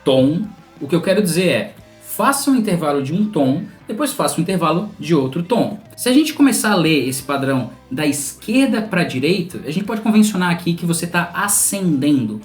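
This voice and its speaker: Brief: Brazilian-accented music teacher, patient and methodical, reverberant room with a soft drone behind. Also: medium pitch, big pitch swings, a little fast, hardly any pauses. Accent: Brazilian Portuguese. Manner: patient, methodical, speaks directly to the viewer. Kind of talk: explanatory music theory lesson. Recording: roomy sound with a faint instrumental drone.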